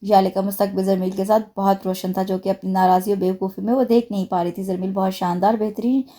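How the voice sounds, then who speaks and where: A woman narrating a dramatic novel in a steady, emotive reading. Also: medium pitch, fast talker. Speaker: audiobook narrator.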